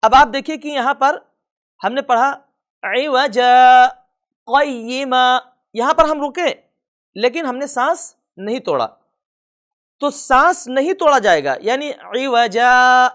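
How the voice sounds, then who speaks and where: A man teaching a recorded tajweed lesson, patiently repeating each rule and reciting the examples slowly and drawn out. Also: extremely high pitch, animated, bright, forceful tone. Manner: slow, drawn-out recitation of examples between plain explanation. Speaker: Quran reading teacher.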